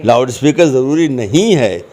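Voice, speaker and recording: A man with a mellow mid-range voice and lively intonation responds to interview questions at a moderate pace. He's a guest commentator, explaining his points conversationally and repeating phrases for emphasis.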